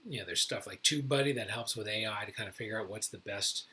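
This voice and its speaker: A man with a very bright, forward tone and a husky edge walks other realtors through his methods. He talks in a loose, chatty way, full of restarts and slang. It sounds like a casual tutorial from one agent to his peers. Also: on the low side, quick pace, rough recording. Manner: informal, chatty, self-correcting. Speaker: realtor and channel host. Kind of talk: casual how-to talk to fellow agents.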